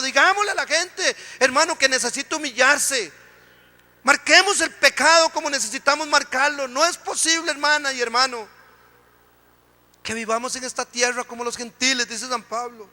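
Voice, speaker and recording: A man's voice: very high-pitched, bright, forceful tone. A man pastor preaching a sermon, impassioned, often calling the congregation "brother". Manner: impassioned preaching, repeated "hermano" address. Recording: long hall reverb.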